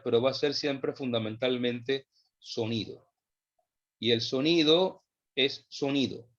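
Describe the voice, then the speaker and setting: A man teaching a theology class, speaking slowly and with emphasis, repeating phrases as he thinks them through. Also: medium pitch, muffled recording. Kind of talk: lecture. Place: online class session.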